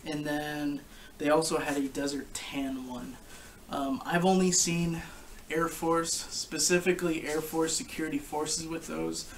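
A young adult man who collects gas masks reviews a product to camera from his living room couch, speaking casually and somewhat haltingly. His voice is on the high side with a flat delivery. The camera sits a short distance away, and its mic picks up background noise.

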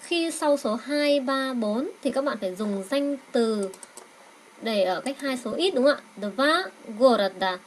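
Woman, Russian teacher, slightly high voice, patient, slow repeated words, faint room hum. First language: Vietnamese. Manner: patient, repeats words slowly for learners to echo. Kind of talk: online language lesson.

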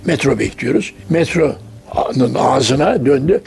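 A man's voice: medium pitch, animated, a little slow, vocal fry, a little mellow, faint music behind. A man in his nineties from Turkey, recalling his life in a documentary interview as an anecdotal storyteller who acts out the dialogue of the people he quotes. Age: 90s.

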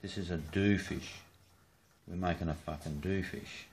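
A man's voice: sits low, steady tone, moderate pace. A man with an Australian accent rambling casually in his kitchen, swearing freely and joking as he shows his hobby work. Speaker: hobbyist rod builder. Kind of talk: casual how-to video. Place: home kitchen.

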